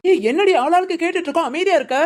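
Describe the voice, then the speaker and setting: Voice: very high voice, rapid-fire, voice pushed down. A performer voicing a scolding middle-aged village aunt in a cartoon, heard from a little way off.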